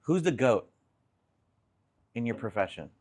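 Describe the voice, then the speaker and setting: A man's voice: medium pitch, big pitch swings, a little slow, a little mellow. A man hosting a casual interview and asking short, direct questions. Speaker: podcast host.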